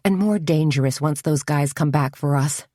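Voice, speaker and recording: A woman voicing Tony, a wisecracking middle-aged woman friend in an audiobook mystery, playful and quick. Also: low voice, warm tone, no room sound, clean studio sound. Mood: wry. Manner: wry, exasperated, fiery. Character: feisty middle-aged woman caught in a jam, joking.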